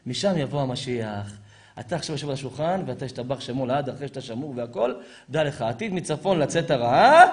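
A man, a rabbi, preaching to a live audience, animated, firing rhetorical questions and answering them himself, sometimes shouting at high points. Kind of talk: lively sermon to a live audience.

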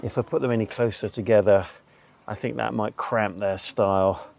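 This older gardener's voice is fairly low, creaky and a little mellow, with a steady tone and moderate pace, and there's no room sound. He chats casually on his outdoor allotment, describing each step for his vlog, recorded by a distant camera mic on a tripod.

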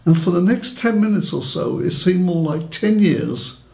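A man's voice: high-pitched, animated, normal speed, vocal fry, dark tone, echoey room, poor audio. A man in his eighties giving an earnest, heartfelt personal faith testimony. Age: 80s.

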